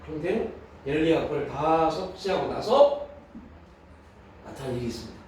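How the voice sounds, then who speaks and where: A man's voice: fairly high pitch, darkish tone, a little hiss or hum. A male pastor preaching at a prayer meeting, asking the congregation rhetorical questions. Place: church hall. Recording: echoey hall from a distant mic.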